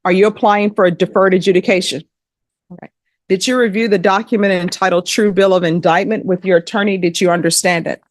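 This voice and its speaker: Female judge on the bench, steady mid-pitched voice, formal and measured, dry mic. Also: no room sound. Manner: measured, formal reading of legal admonishments. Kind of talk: formal courtroom proceedings. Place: courtroom.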